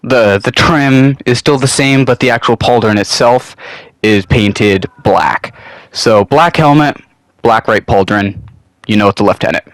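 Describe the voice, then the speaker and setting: A young channel host with a cold sniffles now and then as he casually works through a hobby topic from a loose script, rambling and occasionally swearing. He speaks at a measured pace in a mid-range voice, and the rough recording has no echo.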